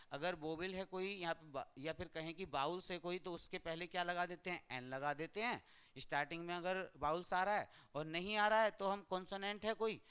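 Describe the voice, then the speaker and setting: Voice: mid-range voice, a bit bright, clean tone. A teacher from India giving a grammar lesson, who keeps asking the class questions and answering them.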